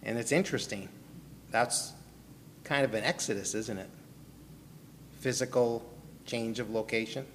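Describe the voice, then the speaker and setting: A little slow and given to long pauses, this mid-range male voice belongs to a Milwaukee pastor preaching with a personal testimony. He poses questions to the audience and calls on people by name. The sound has a long hall reverb and slight background noise.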